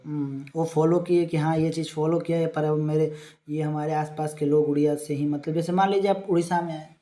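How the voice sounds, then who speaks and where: Teacher going over exam notes, reads english definitions real slow then explains in hindi, lots of restarts. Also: mid-range voice, steady tone, dark tone. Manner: loose, rambling delivery with frequent restarts. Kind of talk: exam-prep lecture.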